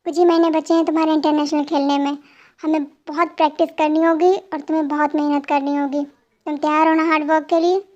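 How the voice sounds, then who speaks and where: A woman's voice: high voice, little pitch movement, fairly quick, darkish tone, highs cut off, close to an everyday voice. A woman voicing a strict male boxing coach who lectures firmly in an amateur fan dub. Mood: stern. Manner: firm, lecturing.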